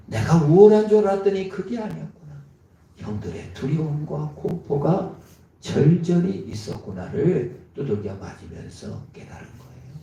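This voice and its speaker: A man's voice: a little high, creaky, dark tone. A male pastor giving an emphatic storytelling sermon in a church, heard in an echoey hall from a distance.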